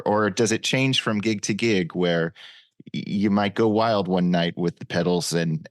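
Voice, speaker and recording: A man hosts a podcast, his voice slightly low. He talks his way into his questions with restarts and eager asides. The recording is dry and close. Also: no room sound. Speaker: podcast host. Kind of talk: casual interview questions.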